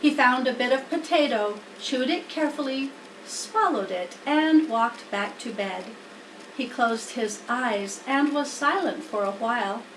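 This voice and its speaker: A woman's voice: fairly high pitch, unhurried, fairly bright tone. A woman narrating a children's story, reading aloud from a book. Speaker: storybook reader. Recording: roomy, distant mic, faint background noise.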